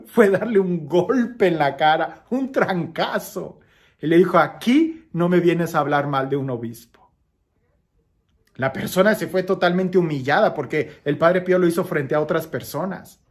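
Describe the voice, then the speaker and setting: Expressive priest preaching a homily. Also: male voice, on the high side. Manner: expressive, swings from lively raised passages to soft hushed ones; repeats phrases for emphasis. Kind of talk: daily gospel homily.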